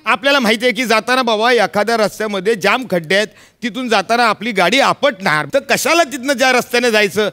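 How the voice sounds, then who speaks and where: A man's voice: high-pitched, quick pace, few pauses, bright, forceful tone. A man playing a chatty, philosophizing driver in a sketch comedy, speaking with a folksy, soothing manner.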